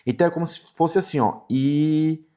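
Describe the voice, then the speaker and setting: A Brazilian man teaching a Portuguese grammar lesson for exam prep, stretching out example words and checking in with the class. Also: medium pitch. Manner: lively, drawn-out example words, frequent "tá vendo?" checks.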